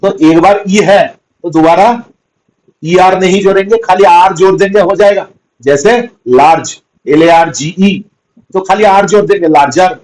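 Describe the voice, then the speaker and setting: Male tutor, fairly high-pitched, steady classroom explaining, checks understanding often. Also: unhurried, rough recording. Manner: patient, repetitive, spells out words letter by letter. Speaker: teacher. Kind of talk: grammar lesson.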